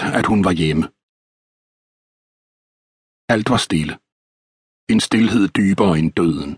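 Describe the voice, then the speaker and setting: A man reading a historical novel as an audiobook narrator, in a measured, even storytelling manner. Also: sits low, husky, no room sound, clean studio sound.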